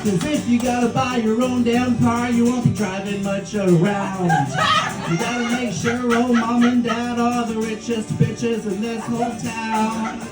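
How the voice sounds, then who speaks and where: A musical comedian in his thirties, with a very high, steady voice, sings jokey story songs on guitar at an unhurried pace and chats with the crowd between them, chuckling between lines. He's on a small bar stage before a live audience, captured in a roomy club recording from a distant mic.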